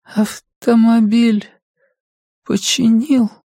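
A man voicing a weak, bedridden elderly mother who speaks faintly and slowly in a tender, whispery voice. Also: very high voice, fairly even intonation, mellow, no room sound, clean studio sound, pitched above the performer's own voice, full character voice.

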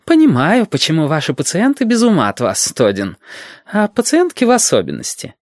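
A man's voice: a little high, wildly swooping pitch, fairly quick, no room sound, clean studio sound, voice pushed up. A man voicing a scornful, sly middle-aged woman official who needles the others in an audiobook. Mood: mocking. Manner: mocking, needling. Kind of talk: audiobook character voice.

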